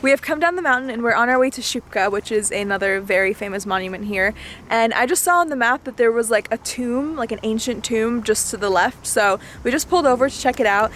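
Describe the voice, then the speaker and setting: A young Bulgarian travel vlogger chats casually while explaining monuments and sites outdoors, using lots of "like" fillers. Her voice is fairly high, a bit bright, animated and fairly quick, with faint outdoor and vehicle noise in the background.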